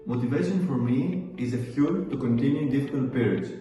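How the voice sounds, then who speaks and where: Young Greek-accented male student, mellow tone, thoughtful, distant in an echoey hall. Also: mid-range voice, brisk. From Greece. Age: 20s. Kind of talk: personal statement. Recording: echoey hall, far from mic. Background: faint background music.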